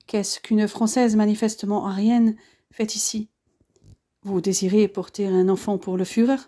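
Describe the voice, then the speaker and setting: A woman's voice: mid-range voice, level tone, normal speed, dark tone, natural voice. A woman voicing a predatory male SS officer who speaks with false courtesy and grows pushy. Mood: insistent.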